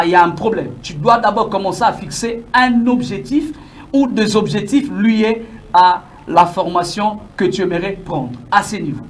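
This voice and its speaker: A man with a Congolese French accent coaches his viewers in a motivational teaching monologue. His voice sits very high for a man. He speaks emphatically, firing rhetorical questions at the listener and slipping Lingala phrases into his French. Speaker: English-learning coach.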